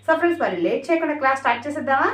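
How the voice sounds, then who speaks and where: A woman's voice: high-pitched, rapid-fire, fairly bright tone, roomy sound. A woman teaching a language lesson, explaining patiently and repeating herself as she writes. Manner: patient, repetitive explaining while writing. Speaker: Hindi teacher.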